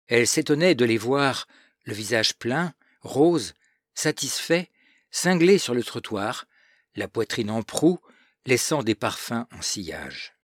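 A man reads a novel aloud with measured, literary narration. His voice is a little husky, mid-pitched, and recorded close and dry. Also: big pitch swings, dry recording. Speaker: audiobook narrator.

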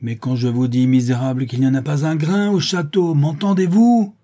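A proud older nobleman who stands his ground and speaks in a firm, measured way, as a male reader gives him voice. The tone is low, dark and a bit husky. It comes across as a storybook reading. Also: lively intonation, full character voice. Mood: angry.

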